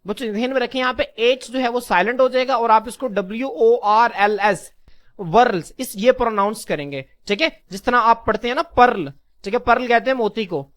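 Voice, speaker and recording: A man teaching a class lesson, calling his listeners children, posing questions and answering them himself, and slowly repeating key terms. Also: very high-pitched, a bit bright. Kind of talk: classroom lecture.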